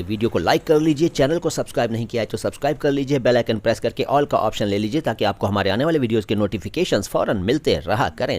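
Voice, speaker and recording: A man's voice: mid-range voice, darkish tone. A man hosting a travel vlog, explaining word meanings and carefully drawing out each word's pronunciation in a patient, teacherly way. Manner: slow, careful drawn-out pronunciation of words; patient explanatory delivery listing synonyms.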